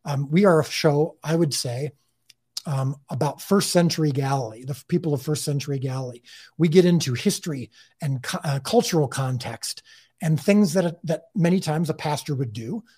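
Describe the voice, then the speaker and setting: The creator of a faith-based TV series speaks earnestly as an interview guest, his tone casual yet careful. His voice is husky, slightly high, and warm, at a moderate pace, and he often restarts and repeats words mid-thought.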